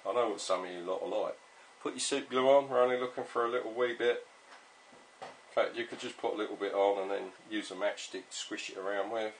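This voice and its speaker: A man with a British accent giving a casual hands-on tutorial as an instructor, spelling out each step slowly and repetitively in a patronizing way. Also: on the low side, a little hiss or hum, low-quality recording. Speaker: repair instructor.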